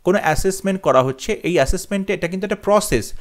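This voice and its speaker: High-voiced tutor reading exam questions. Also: male voice. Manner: reads English questions slowly, then explains in Bengali. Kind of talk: exam question walkthrough lesson.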